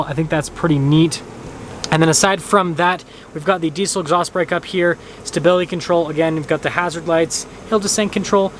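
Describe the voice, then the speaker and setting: A higher-pitched man rattles through the features of a pickup in a casual walkaround review. His delivery is brisk and upbeat, with a faint outdoor hum behind him. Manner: quick, upbeat feature rundown. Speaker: car reviewer. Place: outdoors and inside a truck.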